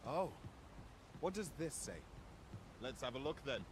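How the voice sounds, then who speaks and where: A man's voice: mid-range voice, animated, measured pace, natural voice. An actor playing a formal, loyal male companion in a fantasy game, speaking in courtly, old-fashioned phrases. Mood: helpful. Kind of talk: game character dialogue. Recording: game audio with clear background noise.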